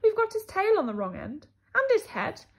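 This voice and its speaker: Woman playing an eager little skeleton, high-pitched. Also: sing-song, moderate pace, gravelly, exaggerated voice. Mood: chirpy. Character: little boy skeleton, eager, mischievous playmate.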